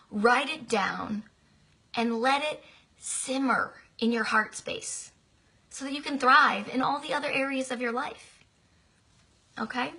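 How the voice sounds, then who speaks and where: A woman's voice: sits high, bright, forceful tone, slightly rough. A chatty, effusive woman giving a motivational live-stream talk to her business team, answering viewer comments and repeating herself affectionately. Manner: chatty and effusive, talks at length.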